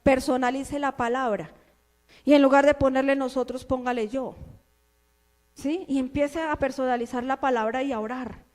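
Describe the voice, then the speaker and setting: High-voiced woman preaching fervently. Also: fairly even intonation, moderate pace. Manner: fervent, scolding preaching that swings from low murmurs to shouts; addresses listeners directly with rhetorical questions. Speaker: pastor. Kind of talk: sermon. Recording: long hall reverb.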